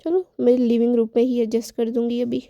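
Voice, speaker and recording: A woman's voice: on the high side, little pitch movement, a little fast, dark tone, no echo, lo-fi sound, natural voice. A woman voicing a scheming teenage schoolgirl who puts on a sweet, innocent manner. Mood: sweetly scheming.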